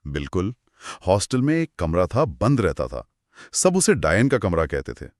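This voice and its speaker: His low voice swoops wildly in pitch at a moderate pace, recorded at studio quality with no echo. The man hosts a conversational horror storytelling show. He narrates dramatically, in short and suspenseful phrases.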